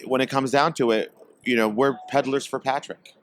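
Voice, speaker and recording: A man from Portland, Oregon, guest on a podcast, speaking hesitantly with many pauses and fillers. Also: mid-range voice, steady tone, no room sound. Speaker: guest, tobacco company executive. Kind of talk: casual podcast interview. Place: trade expo.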